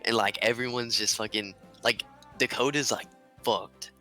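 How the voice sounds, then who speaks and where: A young man in casual podcast chat, chiming in excitedly and swearing as he backs up a friend's story. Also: mid-range voice, moderate pace, faint music behind. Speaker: podcast co-host.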